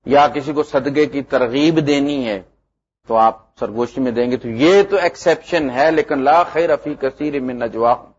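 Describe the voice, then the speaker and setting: A middle-aged man preaching a sermon, animated, with loud emphatic lines that drop to low asides. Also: slightly rough. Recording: muffled lo-fi lecture recording.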